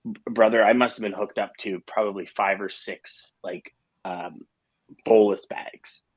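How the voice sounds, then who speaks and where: A man's voice: lowish voice, fairly even intonation, measured pace, slightly rough. A middle-aged man hosting a casual morning show, talking in a rambling way with restarts and fillers. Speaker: host.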